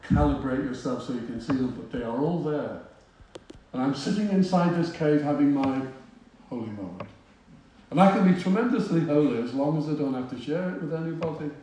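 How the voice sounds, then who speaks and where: A man's voice: mid-range voice, mellow, recorded from a distance, slight background noise. A man preaching, telling a personal story in a conversational, self-mocking way. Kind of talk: storytelling sermon. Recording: roomy hall, voice from off-mic.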